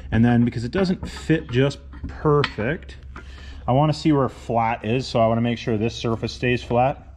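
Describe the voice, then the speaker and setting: The speaker, a welder and channel host, walks through a fix in a cluttered garage workshop in relaxed how-to fashion, rambling, plain-spoken and correcting himself along the way. His medium-pitched voice is darkish, fairly even in intonation, at a moderate pace, with slight background noise.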